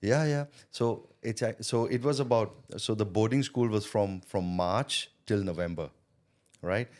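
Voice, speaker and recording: Deep voiced guy on a podcast, earnest and reflective, lots of "you know". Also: unhurried, darkish tone. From born in Thailand, schooled in India. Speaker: guest, sales coach and business owner. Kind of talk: interview conversation.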